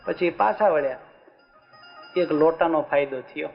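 High-voiced storyteller man. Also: measured pace, creaky. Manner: lively, asks the audience "understood?". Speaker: religious storyteller. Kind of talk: folksy sermon storytelling. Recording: muffled with faint music.

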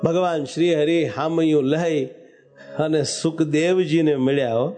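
A man's voice: fairly high pitch, steady tone, unhurried, mellow, faint music behind. A man preaching a devotional sermon, telling a story and breaking into sung verses. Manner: storytelling, bursts into sung verses, calls out lines.

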